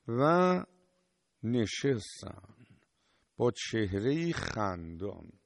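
A man's voice: medium pitch, vocal fry, no echo, studio quality. A man preaching a sermon, retelling a story with emphatic rises.

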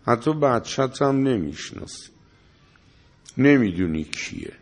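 A man's voice: medium pitch, sing-song. A man preaching a sermon, scolding his listeners with rhetorical questions and quoting Arabic verses. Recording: long hall reverb.

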